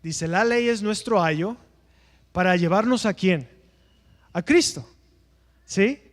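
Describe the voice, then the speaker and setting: A man's voice: high-pitched, slow, in a large hall. A man teaching an evangelism class in a church, earnest and preacher-like, asking rhetorical questions and answering them himself.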